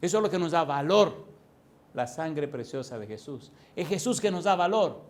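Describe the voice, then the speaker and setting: High-voiced Dominican preacher telling stories. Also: male voice, lively intonation, moderate pace. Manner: folksy, chuckling anecdotes. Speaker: pastor. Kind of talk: storytelling sermon.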